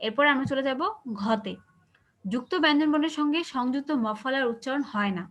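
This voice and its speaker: Woman teacher w/ bangladeshi bengali accent, fast talker, keeps checking if students get it. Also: high voice, fairly bright tone. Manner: explains patiently, asks checking questions. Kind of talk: online class lecture.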